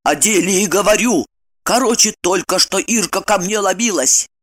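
A woman's voice: medium pitch, natural voice. A woman reading an audiobook, voicing a blunt, touchy woman of about thirty. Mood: conspiratorial. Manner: blunt, quick to take offence.

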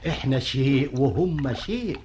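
A man's voice: medium pitch, expressive, moderate pace, darkish tone, lightly acted. Old jinn servant played by a man, indulgent, Egyptian accent, noisy radio recording. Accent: Egyptian Arabic. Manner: chuckling, deferential. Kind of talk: 1960s Egyptian radio drama acting.

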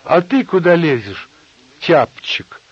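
Storybook brawler: spiteful young woman shrieking insults, played by a man. Loud, jeering, husky. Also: medium pitch, very animated, a little fast, no room sound. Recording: slightly dull lo-fi audio.

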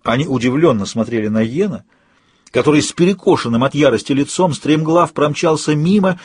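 Male audiobook reader, husky tone, dry close sound, steady read. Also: fairly high pitch, fairly quick, no echo. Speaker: audiobook narrator. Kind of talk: scripted audiobook narration.

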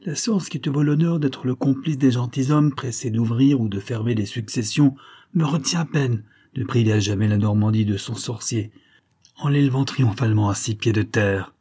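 A man's voice: mid-range voice, moderate pace, warm tone, slightly rough. A man voicing a furious, haughty noble count who thunders scornful outbursts, reading an audiobook.

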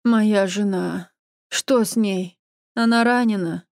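A woman's voice: medium pitch, takes it slowly, vocal fry, a little mellow, dry recording, clean studio sound. A woman reading the part of a distraught middle-aged man who pleads and sobs over his injured wife. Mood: pleading. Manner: pleading, sobbing outbursts.

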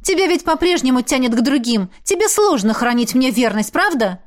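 A woman's voice: high-pitched, lively intonation, fairly quick, pitched above the performer's own voice. A woman reading the part of a tired, exasperated young woman arguing with her jealous partner. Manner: pleading, tired, tense.

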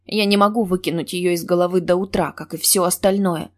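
A woman's voice: fairly low pitch, steady tone, brisk. A woman reading a novel aloud in the first person, with a tense, emotional delivery. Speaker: audiobook narrator.

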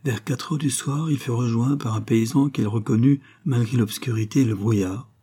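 Male narrator, audiobook, measured expressive reading, mellow, husky. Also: medium pitch. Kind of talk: scripted narration.

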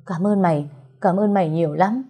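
A woman's voice: lowish voice, fairly quick, husky. A woman voicing a desperate young woman who snaps back sharply and cries easily, in a storybook reading. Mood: tearful. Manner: sharp-tongued, tearful. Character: desperate young woman, fierce then tearful.

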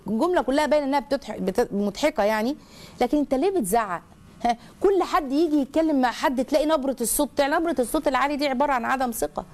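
Woman, Egyptian accent, religious advice host, earnest, emphatic, rapid speech, fairly high voice. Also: darkish tone. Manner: earnest, emphatic, lecturing with many restarts. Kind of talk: religious advice talk, reading a listener's letter.

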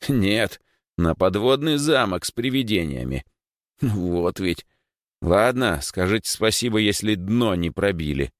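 A man's voice: on the low side, sing-song, measured pace, no room sound, clean studio sound, pitched above the performer's own voice. Man doing a bossy, sarcastic schoolboy. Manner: gruff, commanding, sarcastic. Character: schoolboy Egor, bossy, sarcastic and quick to snap. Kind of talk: audiobook character voice.

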